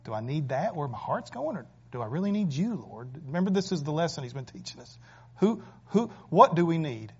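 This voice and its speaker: A male pastor preaching a sermon, rising from quiet reflection to loud, urgent appeals. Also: a little high, big pitch swings, fairly quick, slightly rough, dull audio.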